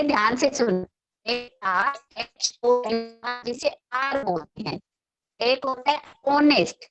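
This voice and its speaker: A woman schoolteacher giving an online English grammar class, speaking slowly and patiently, repeating points and checking that students follow. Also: a little high, a bit bright, highs cut off. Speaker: school teacher. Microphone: online class, computer mic.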